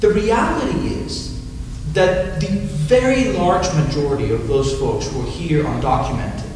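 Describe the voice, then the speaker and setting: Middle-aged male pastor from Mexico, measured and halting, in a roomy, echoey space, mic far off. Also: on the high side, a little mellow. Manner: measured, halting with frequent restarts and fillers. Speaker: pastor, interview guest. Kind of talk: thoughtful interview answers. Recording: echoey room, distant mic, noisy.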